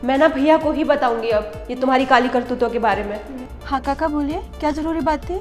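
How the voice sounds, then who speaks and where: An actress playing an indignant young sister-in-law in a scripted short drama. She speaks in a quick, scolding way. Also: high-pitched, roomy sound, long reverb tail, soft background music, close to an everyday voice.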